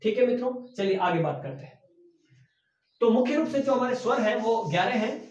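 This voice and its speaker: A man's voice: very high voice, expressive, a little fast, darkish tone. A man teaching an exam-prep grammar lesson who often asks the class his own questions back and then answers them. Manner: repeats key words as questions to the class. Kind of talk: classroom lecture for exam preparation. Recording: echoey room, voice from a distance, dull sound.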